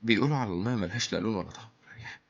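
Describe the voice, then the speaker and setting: An actor playing a melancholy toy in a plaintive, hammy theatrical stage monologue, with an Egyptian accent. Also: male voice, lowish voice, very fast, vocal fry, lo-fi sound. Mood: plaintive despair. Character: melancholy male toy lamenting its lifeless painted existence.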